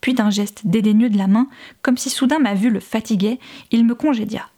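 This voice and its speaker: A woman narrating an audiobook in a soft, measured, hushed reading voice. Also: fairly high pitch. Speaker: audiobook reader. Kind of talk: scripted narration.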